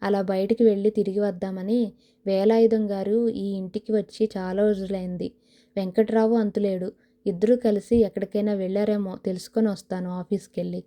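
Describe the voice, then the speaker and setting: Hot-tempered young actress girl in an audio novel, woman reading her, flat dark voice, snaps back. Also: mid-range voice, a little fast, lightly acted. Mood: explaining.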